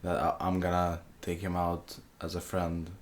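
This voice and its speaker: A young man with a strikingly low, deep voice talks casually about films, and Swedish is his first language. He hesitates a lot, restarting sentences and hunting for words as he goes. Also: completely flat delivery, moderate pace. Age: young adult. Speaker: podcast co-host, film student. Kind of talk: casual film discussion.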